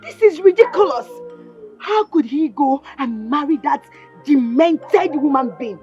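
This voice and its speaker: An actress playing an excitable, dramatic young woman friend. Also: high-pitched, measured pace. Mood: exclaiming. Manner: exclaiming, dramatic. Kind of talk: Nollywood film acting. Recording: dull film audio under music.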